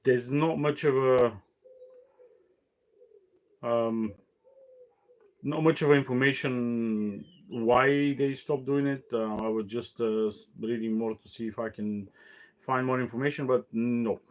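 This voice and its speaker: Halting, tired man hosting a cigar show. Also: medium pitch, fairly even intonation. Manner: halting, many fillers and restarts. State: tired, yawning. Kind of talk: casual solo talk show.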